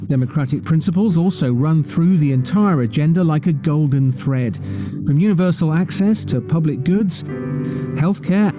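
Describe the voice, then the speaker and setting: A man giving smooth, even scripted narration for an informational video. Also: a little high, normal speed. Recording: narration over background music. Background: music.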